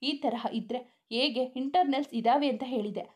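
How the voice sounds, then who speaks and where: A woman's voice: high-pitched, normal speed, a little mellow, natural voice. A woman voicing a young male student who bluntly scolds and comforts his friend in a story reading. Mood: firm. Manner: firm, scolding advice.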